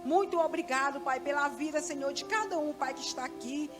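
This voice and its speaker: With music playing underneath, a middle-aged Brazilian churchgoer speaks in a high voice, a little quickly, rambling through her testimony and repeatedly addressing the pastor with "né." Her spontaneous prayer is fervent and repetitive, full of cries of "Senhor" and "Pai."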